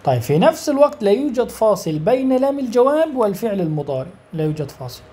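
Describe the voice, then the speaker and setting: Mellow grammar teacher. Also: medium pitch, very animated, fast. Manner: asks questions and answers them, stretches out example words. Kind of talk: explanatory lesson.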